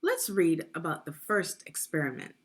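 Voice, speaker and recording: A woman whose voice sits low reads to children at normal speed, swinging her pitch a great deal. Her narration is clearly enunciated and meant to teach, with questions posed to the young learners.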